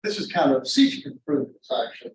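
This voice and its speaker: A man giving an informal university math lecture in a rambling, halting way, often interrupting himself and drifting into asides. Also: fairly high pitch, very animated. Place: indoor classroom. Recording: echoey lecture room, distant mic.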